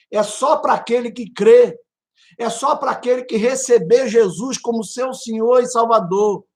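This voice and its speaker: A man preaching a live testimony sermon, telling his story in an animated way and speaking to listeners as brother and sister. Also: extremely high pitch. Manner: animated storytelling, imitating a pounding heartbeat.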